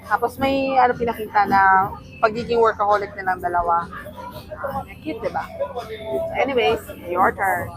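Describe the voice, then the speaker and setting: A woman casually recapping a manga, animated and acting out the quotes, laughing often. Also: medium pitch, normal speed, a crowd in the background, low-quality recording. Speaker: manga reviewer. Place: public place with people around.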